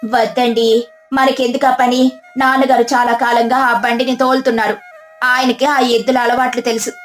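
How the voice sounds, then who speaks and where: A woman playing a sensible young village wife in a storybook tale, speaking gently. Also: a little high, little pitch movement, normal speed, faint music behind, close to an everyday voice. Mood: gentle. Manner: gentle, pleading.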